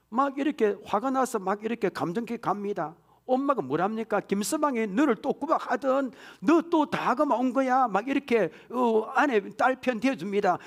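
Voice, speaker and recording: A pastor preaching a sermon in a church, swinging from hushed whispers to loud exclamations. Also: male voice, sits high.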